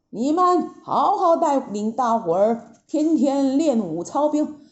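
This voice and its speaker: Lady doing a cocky monkey king, loud and bouncy, soft dark tone. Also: high-pitched, reverberant, lo-fi sound, pitched above the performer's own voice, heavily acted. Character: brash boastful male monkey king.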